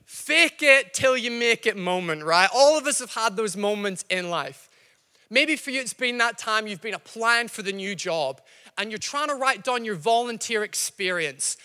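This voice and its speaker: A pastor from Northern Ireland, whose accent is slightly tinged with Scottish, preaches a sermon and tells lively stories directly to his congregation. His voice is high-pitched and clean at normal speed, in a large hall.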